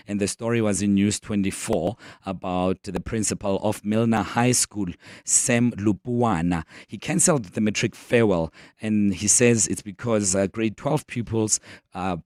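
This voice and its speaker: A South African man with a croaky, hoarse frog voice, chatting casually and haltingly as a radio talk show host. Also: fairly low pitch, a little mellow, no room sound, studio quality. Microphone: close studio broadcast microphone.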